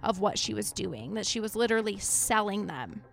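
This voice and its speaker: A woman's voice: mid-range voice, expressive, normal speed, vocal fry, fairly bright tone. A woman hosting a podcast in casual, earnest talk, with trouble pronouncing her R's so they sound like W's. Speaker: podcast host.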